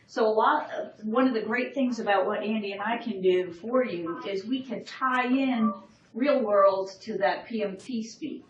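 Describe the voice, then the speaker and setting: A woman's voice: mid-range voice, a little slow, slight background noise. A woman co-presenting a workshop, introducing herself plainly with friendly, light teasing. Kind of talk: casual seminar talk. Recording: roomy, dull, from a distance.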